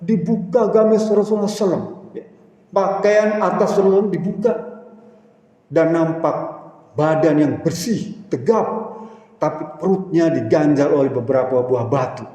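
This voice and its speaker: A man preaching in a high yet mellow voice, telling the story with dramatic pacing. Each phrase is punctuated by a small "ya". A long, heavy reverb rings through the hall. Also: normal speed. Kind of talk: storytelling sermon.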